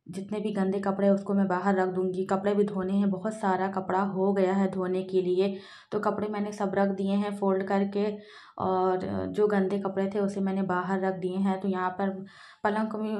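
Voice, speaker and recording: A woman's voice: medium pitch, warm tone, roomy sound. A woman in her thirties, a mother, narrating her daily vlog in a plain, homely way with many fillers.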